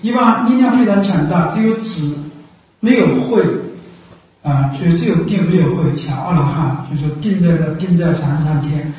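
A man giving an unhurried Buddhist dharma talk, repeating himself and pausing on drawn-out fillers. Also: fairly high pitch, a little mellow, muffled recording. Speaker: Buddhist teacher. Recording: echoey room, voice from far off.

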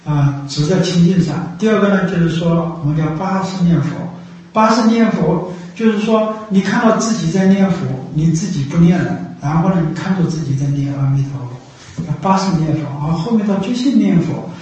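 A man giving an unhurried Buddhist dharma talk, repeating himself and pausing on drawn-out fillers. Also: a little high, darkish tone, lo-fi sound. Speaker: Buddhist teacher. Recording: echoey room, voice from far off.

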